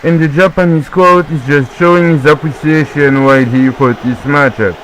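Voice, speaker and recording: A man whose first language is French, doing excitable play-by-play wrestling commentary with jokey asides and repeated calls. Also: a little high, normal speed, slight background noise, low-quality recording.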